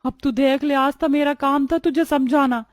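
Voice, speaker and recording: A woman's voice: sits high, fairly even intonation, no room sound, studio quality, voice pushed up, lightly acted. A woman voicing a gossipy middle-aged neighbour who stirs up alarm. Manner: dramatic, gossipy, drawn-out calling.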